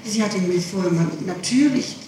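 On an old tape recording, a medium-pitched woman under police questioning sounds far from the microphone in a very echoey room, with noticeable noise over her voice. She answers haltingly, correcting herself and insisting on details.

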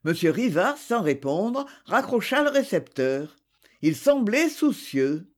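Audiobook narrator, expressive storytelling, lively intonation, mid-pitched voice. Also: slow. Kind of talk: scripted narration of a novel.

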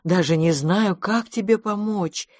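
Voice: medium pitch, a little slow, dry recording, clean studio sound, pitched above the performer's own voice, natural voice. A reader doing a timid, flustered spy. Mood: bewildered. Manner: gentle, sighing, unsure. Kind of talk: audiobook character reading.

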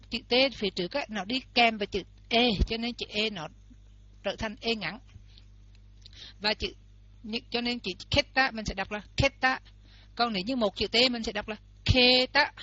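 A woman's voice: fairly high pitch, a bit bright. A woman giving a lesson, explaining step by step and repeating example words aloud. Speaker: teacher. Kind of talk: lesson on Pali pronunciation. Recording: dull lo-fi recording.

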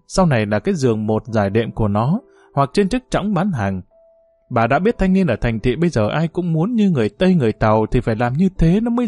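A man's voice: a little high, dry recording. A man narrating a novel as an audiobook, telling it expressively. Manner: expressive storytelling.

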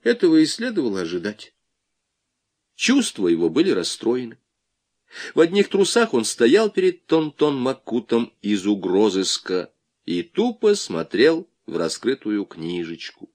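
A man reading a novel aloud as audiobook narration, expressive and lively. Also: mid-range voice, unhurried. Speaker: audiobook reader. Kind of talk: scripted narration.

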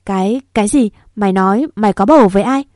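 A woman's voice: medium pitch, moderate pace, no echo, studio quality, close to an everyday voice. A woman playing a screaming tyrant mother-in-law. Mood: shocked. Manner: shouting harshly, spitting insults. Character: furious domineering older mother-in-law.

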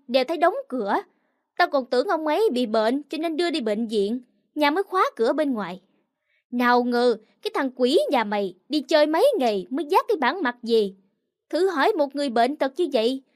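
A woman reading a storybook voicing a loud, quarrelsome older village woman who scolds coarsely. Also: sits high, expressive, fairly quick, no room sound, studio quality. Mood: scolding.

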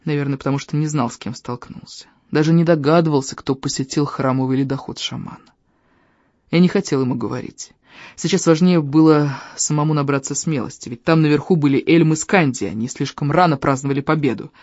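Steady audiobook narrator, dull dry sound. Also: mid-range voice, fairly quick, dry recording. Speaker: audiobook reader. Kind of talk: first-person novel narration.

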